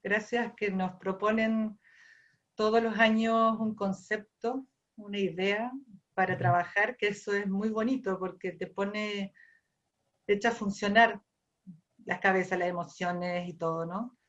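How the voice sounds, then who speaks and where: In a lo-fi recording, an Argentine woman with a matching accent tells personal stories about her ceramic work, thinking out loud and frequently circling back to restart phrases. Her mid-range voice is fairly bright, with fairly even intonation and a measured pace.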